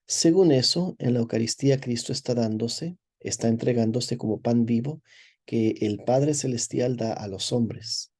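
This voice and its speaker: A priest teaching a course, reading a text aloud and commenting on it in a digressive, explanatory way, often checking in with "verdad?". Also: male voice, medium pitch, a little slow, warm tone. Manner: digressive, repeats words while searching for phrasing.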